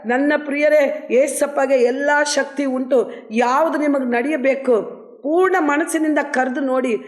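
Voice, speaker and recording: A woman's voice: high voice, steady tone, measured pace. A woman pastor preaching a devotional sermon and leading prayer in an earnest, repetitive way. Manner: earnest, repetitive address to listeners.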